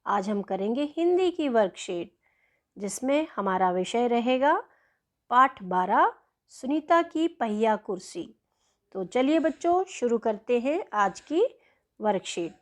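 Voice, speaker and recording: A woman teacher, slowly and patiently explaining a worksheet lesson to young children. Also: on the high side, big pitch swings. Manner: slow, patient, addresses children often.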